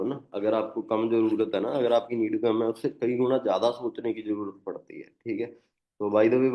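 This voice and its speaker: A man leads a sales training session, speaking loudly in a chatty, coaching manner and pausing often to check that his listeners follow. His voice comes through a muffled, lo-fi line. It also carries a roomy, echoing sound. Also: mid-range voice. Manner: conversational, leans on tag questions. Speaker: network marketing trainer. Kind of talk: motivational training talk. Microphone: phone or online call.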